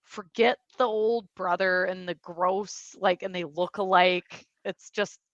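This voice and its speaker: A woman's voice: lowish voice, steady tone, takes it slowly, no echo. Young American woman, podcast co-host; casual, rambling, laughs a lot; dull lo-fi audio. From United States. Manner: chatty, laughs often, rambling asides. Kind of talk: casual chat.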